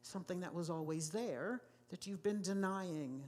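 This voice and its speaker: A woman's voice: fairly low pitch, normal speed, a little mellow. A woman pastor preaching a sermon to a congregation in a church, emphatic and given to repeating key phrases. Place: church sanctuary.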